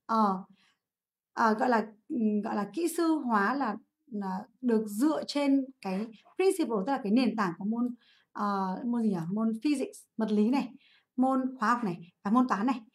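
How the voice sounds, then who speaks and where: A woman from Vietnam teaches an exam review lesson over a livestream, and her voice sits a little higher than most women's. She keeps asking the class questions and answering them herself. She repeats the practice words slowly so the students can follow. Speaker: English teacher.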